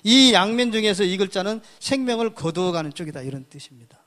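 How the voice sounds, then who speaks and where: A man's voice: high voice, lively intonation, fast talker, a bit bright. A man giving a public lecture, explaining characters step by step and pointing at them as he talks, often asking and then answering his own questions.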